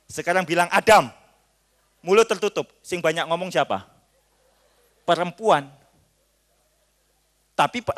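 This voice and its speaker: A pastor preaching at a marriage seminar, joking and acting out little scenes between husband and wife. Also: male voice, high-pitched. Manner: jokey and animated, acts out little scenes. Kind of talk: lively seminar sermon.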